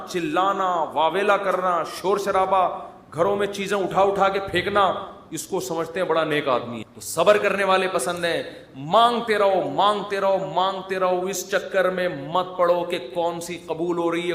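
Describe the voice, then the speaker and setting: A man's voice: high-pitched, a bit bright. A man from Pakistan, giving a humorous sermon, mixing jokes with earnest advice and answering his own questions. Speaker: Islamic preacher. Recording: echoey hall with faint ambience.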